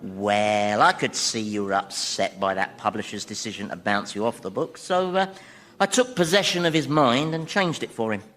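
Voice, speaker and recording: An actor playing Satan as a huge winged beast ruling hell, dry, sarcastic and casually cruel, in a radio comedy. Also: male voice, fairly low pitch, normal speed, a bit bright, close to an everyday voice. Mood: wry, casual. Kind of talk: radio comedy drama acting.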